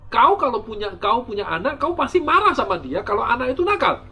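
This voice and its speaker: Animated high-voiced male monk teacher. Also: a little fast, slightly rough. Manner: animated, rhetorical questions, teasing humor; frequent restarts and repeated words. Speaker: Buddhist monk teaching dharma. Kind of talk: dharma talk answering viewer questions.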